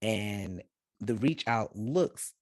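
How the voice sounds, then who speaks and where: A man playing in a tabletop game, describing his character's actions in a halting way. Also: fairly low pitch, expressive, dry recording. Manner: halting, with many fillers and restarts. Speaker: player. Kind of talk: casual role-play chat.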